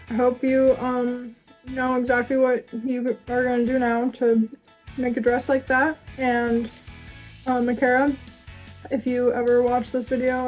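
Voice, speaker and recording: Young female vlogger, chatty and giggly, higher voice, talks while eating, light music underneath. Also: a little mellow. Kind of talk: casual chat reacting to old video.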